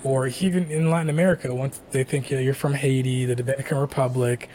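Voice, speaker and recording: A man's voice: mid-range voice, fairly even intonation, quick pace, darkish tone, poor audio. Man, podcast host, casual interviewer, faint hum behind. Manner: conversational, frequent affirmations.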